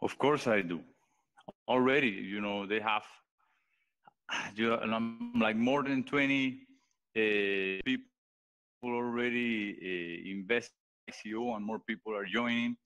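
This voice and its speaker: A man's voice: lowish voice, measured pace, long pauses, fairly bright tone, poor audio. A man presenting his post on a live voice chat, earnest and hesitant, with many fillers and restarts. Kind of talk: casual pitch on a live voice chat.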